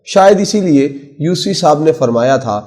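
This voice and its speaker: A man narrating a written opinion column in a measured, emphatic reading. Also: fairly high pitch, expressive, dark tone. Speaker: column reader.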